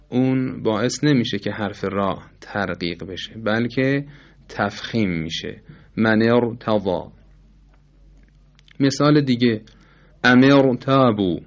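A man with a lowish voice gives a formal, patient lesson on Quran recitation rules. He explains politely and returns to examples to make each rule clear. The sound is dull and lo-fi, like an older broadcast.

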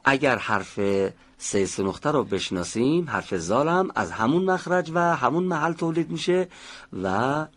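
A man teaching a televised pronunciation lesson, patiently explaining step by step and slowly demonstrating each sound. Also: fairly high pitch, expressive, fairly bright tone.

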